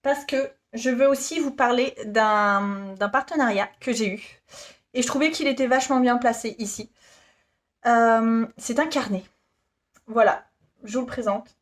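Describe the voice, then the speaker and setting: A woman's voice: on the high side, measured pace. A woman in her thirties presenting her work in a casual, giggly, self-deprecating vlog chat. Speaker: YouTuber presenting her shop.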